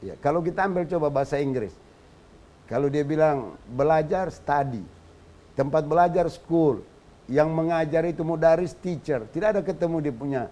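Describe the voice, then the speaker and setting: A man's voice: on the high side, normal speed, mellow. A man from Indonesia, a religious scholar teaching on a TV talk show, explaining points and reciting Arabic verses in a chanting cadence.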